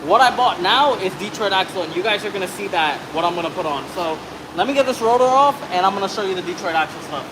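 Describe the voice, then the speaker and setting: 30s mechanic guy rambling thru a brake job, casual, cusses a bit, ac and shop hum loud behind him. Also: high voice, expressive, fast talker. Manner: rambling, offhand, swears casually. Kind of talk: casual how-to narration while working. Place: auto shop with a truck on a hoist.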